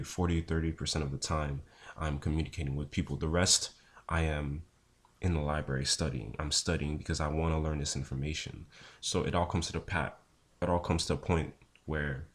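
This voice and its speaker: A young man talking casually to camera in a low, unhurried, low-energy voice with a husky, just-woken sound. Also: steady tone. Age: young adult. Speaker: vlogger, pre-med student. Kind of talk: casual talk to camera answering viewer questions.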